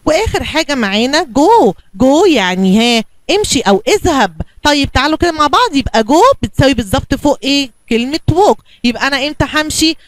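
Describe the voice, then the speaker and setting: Coaxing small children through a bilingual classroom lesson, this Egyptian Arabic-accented kindergarten teacher poses questions and answers them herself. Her high voice is very animated and a touch fast.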